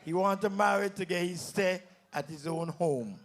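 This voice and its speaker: This man, a calypso tent emcee and comedian from St Kitts, hosts a live show and jokes playfully with people in the audience. He speaks with a Kittitian accent in a high-sitting voice at normal speed.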